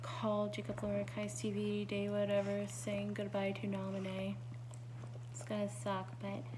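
A woman's voice: mid-range voice, monotone, normal speed, noisy background. A woman chatting casually to her viewers in a family vlog at home, rambling with fillers. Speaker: family vlogger. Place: home, indoors.

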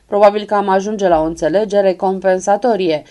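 Lady reading out a gruff husky big-guy lawyer, blunt, mellow dark tone. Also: medium pitch, fairly even intonation, natural voice. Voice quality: hoarse. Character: husky big middle-aged male street lawyer, blunt.

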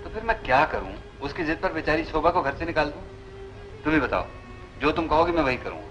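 A principled middle-aged head of the family from a 1960s film drama, firm and fatherly in the way he speaks. His voice sits a little high for a man. A film score plays clearly behind him. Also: animated, fast, fairly bright tone, low-quality recording. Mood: pleading. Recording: film soundtrack with music behind.

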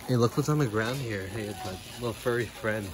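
A young man filming a casual vlog while walking through a large store, playful and excitable. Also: lowish voice, fairly quick, over music. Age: young adult. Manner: playful, excitable, laughs often. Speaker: vlogger. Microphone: handheld phone camera.

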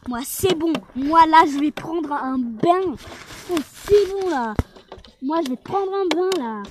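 A woman improvises a toy-figure role-play, talking in a rambling, hesitant way. Her voice sits high. There is clear noise behind her on this home recording. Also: lively intonation, takes it slowly.

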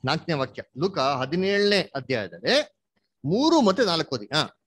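A man's voice: fairly high pitch, sing-song, moderate pace, a bit bright. A man teaching an interactive Bible study, asking his listener questions and having her read verses aloud, dropping English words into his talk. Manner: mixes English words into Kannada.

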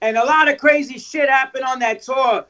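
New york guy with a real high voice, cussing thru wild tour stories, kinda muffled lo-fi sound. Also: moderate pace. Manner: swearing, animated, quotes people in character. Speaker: guest musician telling tour stories. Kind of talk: casual storytelling. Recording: muffled lo-fi audio.

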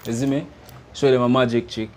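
A man's voice: mid-range voice, level tone, a little fast, a little mellow. A man in his thirties with a Jamaican accent, giving casual, playful magic-trick patter with repeated instructions, like an amateur party magician. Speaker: prank vlog host performing magic trick. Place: outdoors on a small concrete porch. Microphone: camera a few metres away. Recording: background noise, outdoor ambience.

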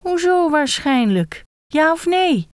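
A woman's voice: on the high side, slow pace, dry recording, studio quality, heavily acted. A woman voicing a talking bald head of a young man, bookish and full of eager questions. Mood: excited. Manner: excited, tumbling questions.

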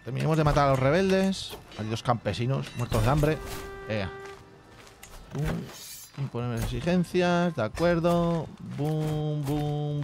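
A man giving casual, profanity-laced commentary while playing a strategy game. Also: mid-range voice. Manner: chatty, swears freely, reads game text aloud. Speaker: gaming youtuber. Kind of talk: casual let's play commentary.

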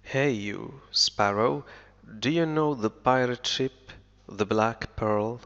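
A man reading out the lines of an earnest young blacksmith, slowly and evenly, with a gravelly voice, in a dull recording with a long echo. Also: mid-range voice. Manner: slow, even read-aloud delivery. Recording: lo-fi with long reverb.

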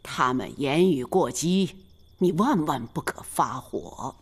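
A wise old matriarch speaks in a low voice with a slow, unhurried delivery. Her pitch moves widely as she gives calm, commanding instructions to her family. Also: slightly rough, heavily acted. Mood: calm instructing. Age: older. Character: wise old grandmother, head of a noble family. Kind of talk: historical TV drama acting.

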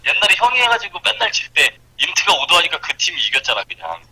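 A man on a stream teasing a friend, calmly asking why again and again. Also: high voice, fast talker, breathy edge, rough recording. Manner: needling, keeps asking why. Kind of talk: teasing casual chat.

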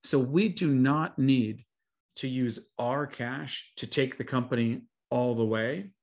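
Speaking from a home room with bookshelves behind him, this venture capitalist in his forties talks fluently on a video call, presenting a webinar and fielding Q&A. His mid-range voice is slow and slightly mellow.

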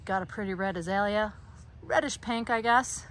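Her medium-pitched voice has a fairly bright tone and a normal speed as this middle-aged American woman gives a casual tour of her backyard garden. A garden blogger, she's enthusiastic and talkative, leaning on fillers and small laughs, with the clip captured outdoors on a phone.

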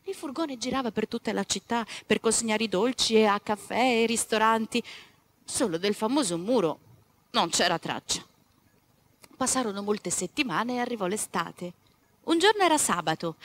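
A woman reading a children's story aloud with lively, chatty asides to her young audience. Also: fairly high pitch, moderate pace. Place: former convent venue.

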